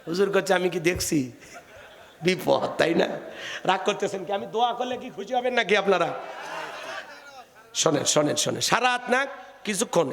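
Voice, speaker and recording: A man preaching a humorous Bengali waz sermon, telling a story in a sing-song preaching cadence that swings between high calls and low storytelling. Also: creaky, in a large hall.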